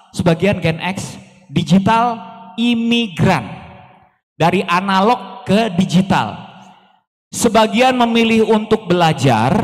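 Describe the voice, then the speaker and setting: A man in his forties giving a seminar talk in a church hall, lively and often asking the audience questions. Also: high-pitched. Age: 40s. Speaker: seminar speaker. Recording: long reverb of a large hall.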